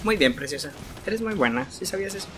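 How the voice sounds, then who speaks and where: A low-voiced woman with a Mexican accent, her pitch leaping all over as she coaxes and cheers during a game. She shouts at enemies on screen, and game music plays clearly behind her. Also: fast talker. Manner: coaxing and excitable, cheering and yelling at enemies. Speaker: gaming channel host. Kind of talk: casual gameplay chat with a child.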